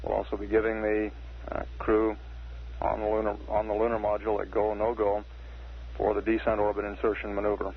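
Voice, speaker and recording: Deadpan American mission announcer, low monotone. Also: male voice, vocal fry. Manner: deadpan, hesitant with frequent pauses. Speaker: mission control public affairs announcer. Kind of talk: measured mission status commentary. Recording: dull 1960s broadcast with faint hiss.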